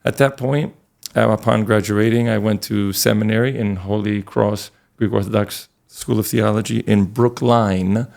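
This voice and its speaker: A middle-aged man from Connecticut, a priest telling his life story in an earnest, relaxed way as an interview guest. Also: on the low side, moderate pace, creaky, hardly any pauses. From Connecticut, USA.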